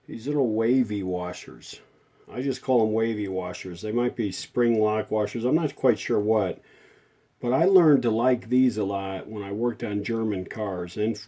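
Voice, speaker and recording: This hobbyist restorer, a middle-aged man, has a low, dark-toned voice as he chats and thinks aloud in a folksy way while doing hands-on repair in his workshop.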